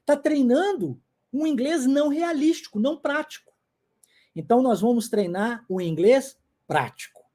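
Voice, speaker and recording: A man's voice: very high-pitched, expressive, normal speed, mellow. A man in his forties with a Brazilian Portuguese accent, an English teacher giving an insistent, emphatic video lesson and drilling English phrases by repeating them. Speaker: English teacher and language school founder.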